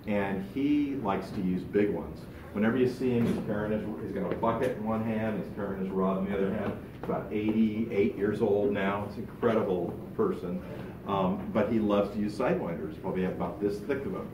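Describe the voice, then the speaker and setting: A man's voice: fairly low pitch, fairly quick, distant mic, noisy background. Man giving a casual club talk, echoey room. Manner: animated, gestures a lot while talking. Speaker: club speaker. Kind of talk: informal talk to a fishing club. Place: large meeting room. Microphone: far camera, no mic.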